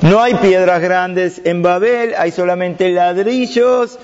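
A man telling a religious story to children, expressive and full of questions to his listeners. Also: slow. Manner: expressive, wide swings in pitch and pace, asks the listeners questions. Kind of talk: dramatic story narration. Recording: dull sound with long hall reverb.

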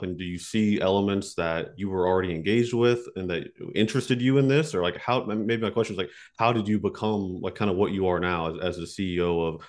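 Deep voiced guy hosting, rambly questions, keeps restarting. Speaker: interview host. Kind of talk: interview questions.

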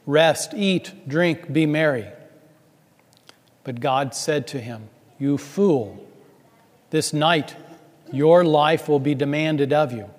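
A man's voice: a little high, slow, long pauses. A priest reading the gospel and then preaching a loose, chatty homily in a large church, his voice carrying a long cathedral echo.

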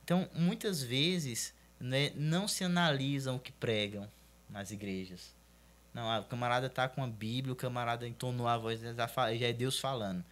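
A man's voice: mid-range voice, steady tone, moderate pace, fairly bright tone. A man with a Brazilian accent, a pastor explaining points in a casual panel discussion with preacherly emphasis.

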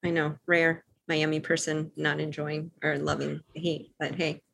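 Female guest from Cuba, low but bright voice, chatty and agreeable over a video call. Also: level tone, normal speed, gravelly, slight background noise. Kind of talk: casual video call chat.

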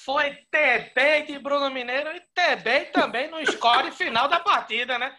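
Bright, high-voiced female sports co-host. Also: unhurried. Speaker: podcast co-host. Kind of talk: sports history talk.

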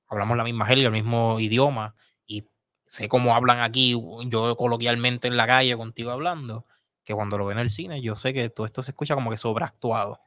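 A man's voice: medium pitch, fairly bright tone, no room sound. A man with a Puerto Rican accent hosting a podcast, asking long, rambling questions in casual slang. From Puerto Rico. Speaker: podcast host. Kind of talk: casual interview.

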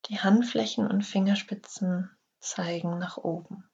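Breathy woman talking you thru yoga nidra, super slow, gravelly edge, kinda dull audio. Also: mid-range voice, fairly even intonation. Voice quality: breathy, husky. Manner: slow, soft, half-whispered instructions. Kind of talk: guided relaxation meditation.

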